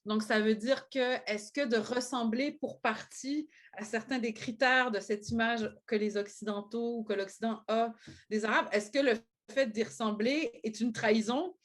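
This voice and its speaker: A woman's voice: on the high side, moderate pace. A woman hosting an online panel, musing and restarting her sentences. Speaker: host.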